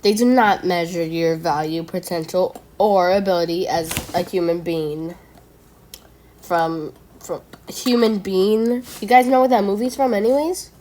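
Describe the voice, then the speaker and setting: A woman's voice: fairly low pitch, unhurried, mellow, soft background music. A woman giving casual reaction commentary, chatty and playful, who argues with herself and trips over long words. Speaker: video creator reacting to school myths.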